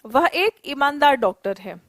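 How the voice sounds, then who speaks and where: A woman's voice: high voice, expressive, unhurried, no echo. A young Indian woman teaching an online English class, mixing Hindi and English, coaxing her students and drawing out her English example sentences.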